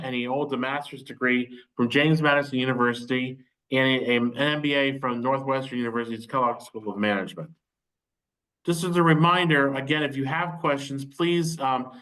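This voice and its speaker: Man, webinar host, scripted introduction, formal, occasional stumbles, medium pitch, video call. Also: moderate pace, fairly bright tone, low-quality recording. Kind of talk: reading a scripted speaker introduction.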